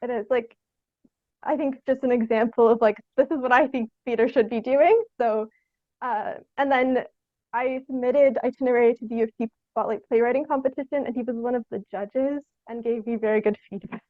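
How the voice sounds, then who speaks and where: Speaking fairly quickly in a steady, slightly high voice, this young adult woman guests on a podcast about her theatre work. Her talk wanders hesitantly, peppered with "like" at every turn, over narrow, tinny sound with no room echo.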